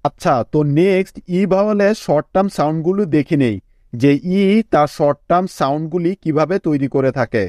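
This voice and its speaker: A man with a Bangladeshi accent and a fairly high voice leads a phonics lesson, sounding out English words letter by letter and saying each one twice. The recording is dry and close, with no room sound around him. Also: a little mellow, no echo. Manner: spells words letter by letter, repeats each word slowly; checks in with listeners often. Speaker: English teacher.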